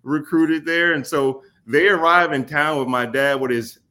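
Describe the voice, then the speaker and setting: A man in his forties from Kentucky, a podcast guest telling stories in an unhurried way with frequent ums and restarts. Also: fairly high pitch, steady tone, bright, forceful tone. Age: 40s. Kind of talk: casual podcast interview.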